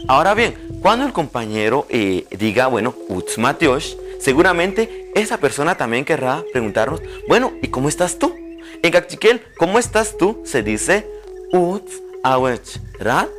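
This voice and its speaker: Animated man teaching pronunciation. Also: on the high side, over music. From Guatemala. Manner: slow, carefully spelled-out pronunciation drills. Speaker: language teacher. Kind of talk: televised language lesson.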